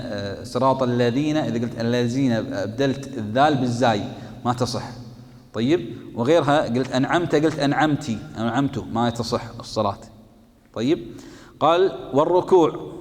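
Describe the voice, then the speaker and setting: Man, fiqh teacher, quick delivery, voice trailing in a long hall reverb. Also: medium pitch. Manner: reads the text aloud, then explains it in colloquial speech; asks and answers his own questions. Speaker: Islamic jurisprudence teacher. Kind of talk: explaining a fiqh text to students.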